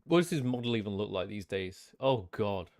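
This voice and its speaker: A man's voice: lowish voice, expressive, moderate pace, darkish tone. A man co-hosting a podcast, chatting casually with dry, teasing humor and frequent swearing. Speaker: podcast co-host. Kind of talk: casual banter.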